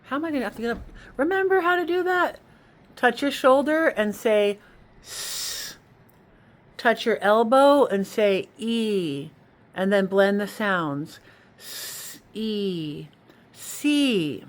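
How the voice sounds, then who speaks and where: A woman teaching a children's phonics lesson, slowly sounding out letters and syllables in an encouraging way. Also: a little high. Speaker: kindergarten teacher.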